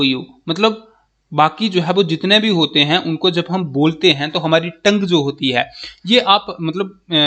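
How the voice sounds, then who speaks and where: A man from Jammu with a Jammu accent, teaching an English grammar lesson for exam preparation. He keeps checking in with "okay" and spells words out slowly letter by letter. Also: fairly high pitch, fairly bright tone. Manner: repeats "ठीक है" and "जो है वो" constantly, spells out letters slowly.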